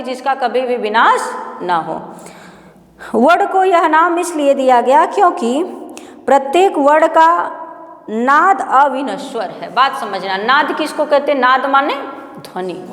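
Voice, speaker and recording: A woman teacher giving a grammar lecture. She explains step by step, asking questions and answering them herself. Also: on the high side. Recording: echoey classroom with long reverb.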